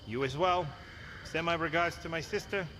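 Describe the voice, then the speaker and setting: Man playing a deadpan country coffin maker, noisy background. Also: fairly high pitch, normal speed, in a large hall, natural voice. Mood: dry, plain. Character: dryly morbid rural coffin maker uncle. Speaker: game character actor.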